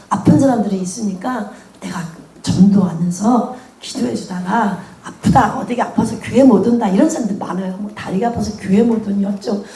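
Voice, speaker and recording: A woman's voice: mid-range voice, reverberant, slight background noise. A woman teaching a church class on prayer, telling her own story with lots of laughter and acted-out prayers. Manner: animated storytelling, laughs often, acts out prayers. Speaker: prophecy school teacher. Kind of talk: sermon-style teaching with personal testimony.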